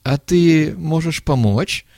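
A man's voice: a little high, slow pace, creaky, a little mellow, no room sound, studio quality, pitched above the performer's own voice. A man voicing a reluctant, dismissive male medic in a storybook reading. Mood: grumbling. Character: lazy grumbling male medic partner.

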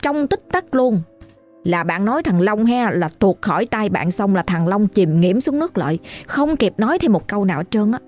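A woman's voice: mid-range voice, big pitch swings, normal speed, darkish tone, faint music behind. A woman narrating a ghost story in a colloquial, exclamatory way.

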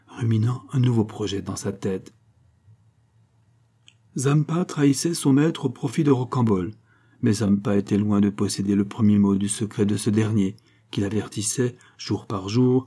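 A man narrating a classic novel as an audiobook, in a measured, unhurried way. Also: fairly low pitch, fairly even intonation, mellow, breathy edge.

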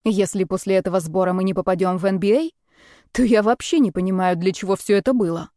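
A woman's voice: mid-range voice, fast talker, dark tone, dry recording, clean studio sound. Wry woman narrating an audiobook. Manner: wry, conversational. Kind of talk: first-person audiobook narration.

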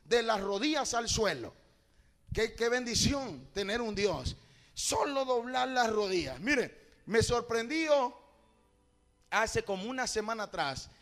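A middle-aged preacher with a strikingly high voice. He delivers a sermon, dropping to quiet asides and then rising to loud cries as he acts out the voices of people in his stories. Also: big pitch swings, slow pace. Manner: acts out dialogues with God and his grandmother, swings from hushed to shouting.

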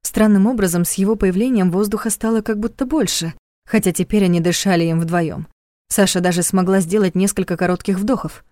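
A woman's voice: medium pitch, fairly even intonation, fairly quick, warm tone, no echo, clean studio sound. Woman reading a thriller audiobook. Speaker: audiobook narrator. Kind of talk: scripted narration.

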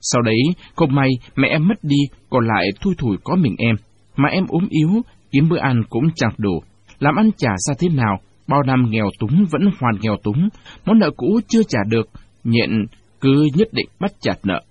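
A man voicing a small, weak, timid female insect who sobs and pleads, with a husky voice. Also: medium pitch. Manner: sobbing, pleading. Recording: dull lo-fi recording.

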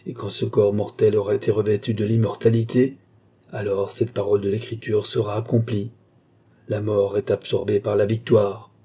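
A man voicing a male pastor who reads funeral scripture slowly and solemnly. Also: lowish voice, level tone, warm tone, breathy edge. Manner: slow, solemn liturgical reading.

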